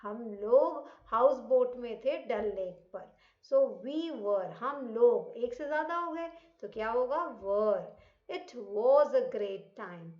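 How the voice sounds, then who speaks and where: Indian lady teacher, slow careful explaining, asks n answers her own questions, roomy lo-fi sound. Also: on the high side, expressive. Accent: Indian English. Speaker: English teacher. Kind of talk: classroom grammar lesson. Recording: echoey, dull lo-fi room sound.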